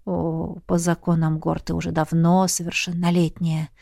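A woman reading an audiobook, voicing a commanding, teasing middle-aged king in a lowered, hushed voice that turns to barked orders. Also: completely flat delivery, moderate pace, gravelly, no room sound, studio quality. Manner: low, hushed and teasing, then barking orders.

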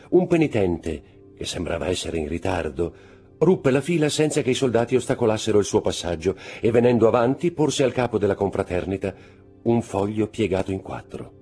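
Male narrator for a classic novel audiobook: husky tone, expressive dramatic delivery. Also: on the low side, brisk, faint music behind. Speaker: audiobook reader. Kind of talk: scripted narration.

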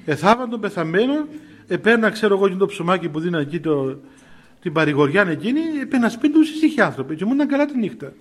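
High-voiced priest, chuckling. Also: male voice, sing-song. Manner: storytelling, chuckling often, many fillers and restarts. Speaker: priest giving a spiritual talk. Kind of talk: informal sermon with stories.

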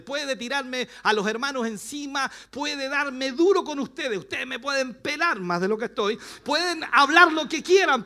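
High, bright-voiced Chilean pastor preaching. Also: male voice. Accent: Chilean Spanish. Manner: rousing, rhetorical questions, playful asides. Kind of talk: sermon. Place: church service.

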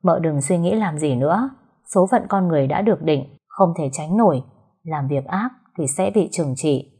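A woman voicing a calm husband who speaks in a measured, grave way in an audio story. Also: sits low, husky, heavily acted.

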